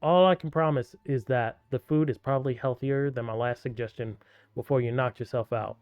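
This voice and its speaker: A man reading aloud the lines of a caring young woman character in a video game, gently and plainly. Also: medium pitch, a little fast, clear, resonant tone, dry recording, lo-fi sound, close to an everyday voice. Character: caring young woman friend who patches him up.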